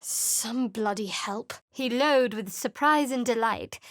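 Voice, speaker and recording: This is a set of video game voice lines: a fairly high-pitched actress speaks slowly into a close studio mic with no room sound at all. She plays a young woman cleric, guarded and sardonic, delivering everything with a dry, wry edge.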